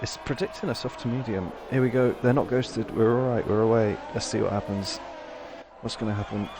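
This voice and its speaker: A man doing excitable live play-by-play of a sim race with quick reactions to the action. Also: mid-range voice. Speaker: race co-commentator. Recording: stream audio with clear background noise.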